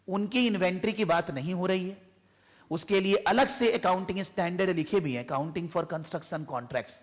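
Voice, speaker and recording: A man's voice: high voice, in a large hall. A man with an Indian accent teaches accounting in a tuition classroom, explaining through repeated examples and questions. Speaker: accounting tutor. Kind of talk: classroom lecture.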